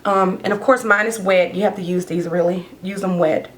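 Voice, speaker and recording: This lower-pitched woman speaks at a moderate pace with fairly flat intonation, a little background noise behind her. Hoarse and losing her voice, the beauty vlogger chats in a rambling way as she does her makeup for a get-ready-with-me vlog.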